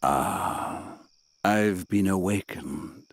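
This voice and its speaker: The ancient Djinn of Time. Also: male voice, deep voice, dry recording, exaggerated voice. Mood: solemn. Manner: slow, portentous pronouncements. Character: ancient male djinn, solemn and grand. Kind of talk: game voice acting.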